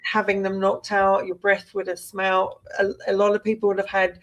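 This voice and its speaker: A woman from Britain co-hosting a casual podcast chat, talking in an animated way with restarts and laughs. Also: medium pitch, normal speed, poor audio. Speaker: co-host.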